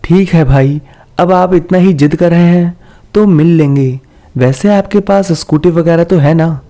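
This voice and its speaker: A man's voice: fairly high pitch, measured pace, mellow, pitched above the performer's own voice. A man voicing a friendly, amused young office worker who talks in a light, teasing, polite way. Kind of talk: storybook character voice.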